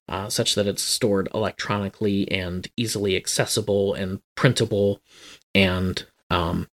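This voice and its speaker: A man's voice: on the low side, a bit bright. A man explaining a topic at length in casual conversation, talkative and wry, often correcting himself. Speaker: guest explaining healthcare IT.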